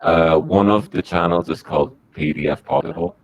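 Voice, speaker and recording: A man speaking through a disguised deep voice as a podcast guest, giving rambling, halting answers. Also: big pitch swings, gravelly, poor audio. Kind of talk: comic podcast interview.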